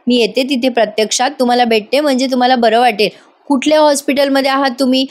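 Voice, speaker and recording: A woman's voice: high voice, steady tone, quick pace, natural voice. A woman voicing a kind young daughter-in-law who soothes and reassures others, in a drama retelling. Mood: reassuring.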